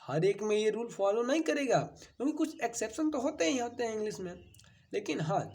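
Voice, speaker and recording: Casting: male teacher, lively rising and falling pitch, repeats words for drilling pupils. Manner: repeats key words, dramatic pitch swings. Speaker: English teacher. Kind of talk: classroom-style vocabulary lesson.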